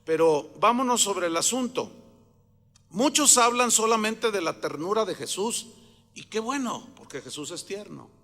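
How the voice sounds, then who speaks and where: Man, preaching, high voice, long hall reverb. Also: lively intonation, a little slow, bright, forceful tone. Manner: emphatic preaching, asks the congregation questions. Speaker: pastor. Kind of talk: sermon.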